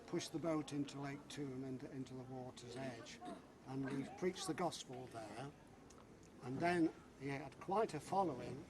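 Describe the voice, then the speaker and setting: A man's voice: fairly high pitch, noisy background. An older man, a preacher, talking informally to a tour group outdoors and quizzing his listeners. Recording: crowd chatter around. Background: group of people talking.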